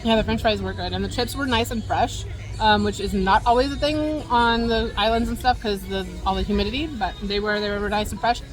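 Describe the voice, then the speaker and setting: A woman with a mid-range voice talks fairly quickly over background music. She's a travel vlogger at a cruise line's island stop, casually reviewing food outdoors, eating as she talks and laughing a lot.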